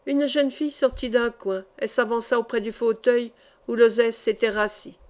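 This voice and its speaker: A woman reading a classic novel aloud as an audiobook, in a measured, even storytelling manner. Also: a little high. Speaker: audiobook reader. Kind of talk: scripted narration of a novel.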